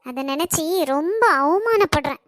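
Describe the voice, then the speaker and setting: A defiant young woman, curt and resentful toward her family, played by a woman for a homemade cartoon. She talks with a Kanyakumari Tamil accent in a high voice. The sound is dry and close. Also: expressive, normal speed, dry recording. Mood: bitter. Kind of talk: amateur cartoon voice acting.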